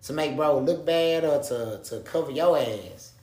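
A man's voice: fairly high pitch, unhurried, darkish tone. A man chatting casually on a podcast in heavy street slang, repeating himself for emphasis and peppering his talk with bro. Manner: repetitive, emphatic phrasing. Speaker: podcast co-host. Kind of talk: casual opinionated podcast chat. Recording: echoey room.

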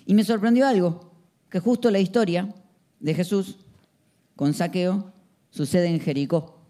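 A man's voice: sits high, unhurried, mellow. A man preaching a sermon, emphatic and full of rhetorical questions.

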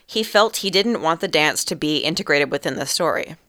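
Low-voiced woman reading quotes on a podcast. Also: animated, fairly quick, sharp tone, no room sound, clean studio sound. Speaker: podcast host. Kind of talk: casual chat, reading quotes aloud.

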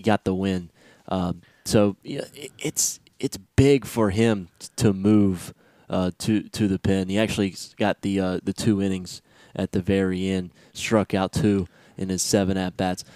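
A young man hosting a casual sports podcast, talking in an energetic, rambling way with many restarts. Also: fairly low pitch, clean tone, no room sound. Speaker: podcast host.

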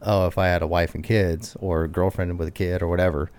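A man's voice: deep voice, little pitch movement, brisk, darkish tone. A man in his thirties talking casually and candidly, rambling with lots of fillers. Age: 30s. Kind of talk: casual chat.

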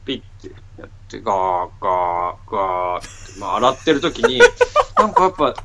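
A man co-hosting a casual comedy radio talk show, telling rambling stories with deadpan retorts and sound-effect words. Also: medium pitch, quick pace, gravelly, heavy background noise.

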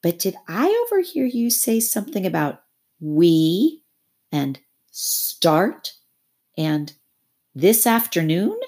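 A woman's voice: fairly low pitch, very animated, slow pace, darkish tone, breathy edge, voice pushed up, exaggerated voice. A woman voicing a stubborn, sensible male water rat who speaks in dry, dogged refusals in a storybook reading. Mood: suspicious.

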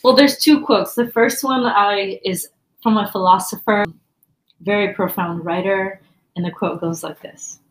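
A woman's voice: mid-range voice, steady tone, unhurried, echoey room, poor audio. A woman co-hosting a podcast in casual chat, joking in a dry, sarcastic way. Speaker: podcast co-host.

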